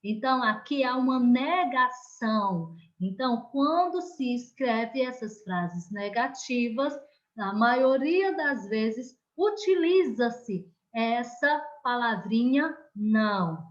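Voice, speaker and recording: A woman's voice: on the high side, expressive, dull audio. A woman teacher with a Brazilian Portuguese accent, giving an online lesson to young pupils in a careful, emphatic way. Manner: slow, careful, emphatic classroom delivery.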